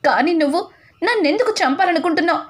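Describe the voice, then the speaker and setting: A furious grown man from a television serial retelling, as a woman narrator puts him on. He speaks sternly and keeps pressing the same demanding questions, with the voice pushed somewhat lower than the narrator's own. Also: expressive, fast talker. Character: angry grown man confronting his treacherous brother.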